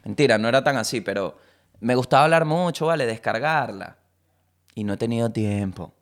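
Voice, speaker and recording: A young man hosts a comedy podcast, delivering a comic monologue of stories in an animated, medium-pitched voice at a fairly quick clip. He swears freely and acts out quotes in jumpy voices.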